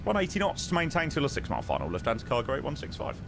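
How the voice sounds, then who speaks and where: A man making brisk, polite pilot radio calls and readbacks into a cockpit headset, with the odd filler. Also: medium pitch, wildly swooping pitch, creaky, noisy background. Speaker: flight sim pilot streamer.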